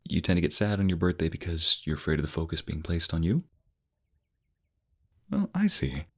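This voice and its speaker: A man playing a tender, reassuring boyfriend in a soft, gentle, soothing ASMR ASMR role-play, with a low, breathy, gravelly voice. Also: wildly swooping pitch, moderate pace, heavily acted. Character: tender, reassuring boyfriend comforting his crying partner.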